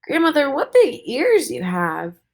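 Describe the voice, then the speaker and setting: A woman's voice: high voice, wildly swooping pitch, unhurried, voice pushed up, heavily acted. A woman doing a chatty little girl. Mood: wondering.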